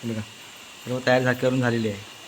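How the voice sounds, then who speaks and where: A man's voice: mid-range voice, little pitch movement, fairly quick, slight background noise, poor audio. A man from the Konkan coast talking casually to his channel's viewers with hesitant fillers, filming on a phone at his village home. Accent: Konkan Marathi. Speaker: village vlogger. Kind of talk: casual vlog narration. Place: village home and outdoors in rain.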